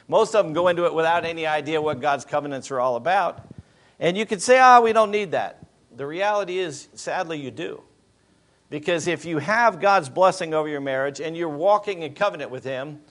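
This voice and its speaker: A man's voice: fairly high pitch, fairly bright tone. A man in his fifties, a pastor, preaching a sermon with emphatic rhetorical questions to a congregation. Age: 50s.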